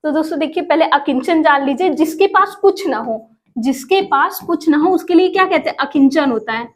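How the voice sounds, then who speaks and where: A woman's voice: sits high, brisk. A woman teaching an exam prep lesson, asking questions and repeating each answer for viewers. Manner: addresses viewers as friends, asks and repeats answers.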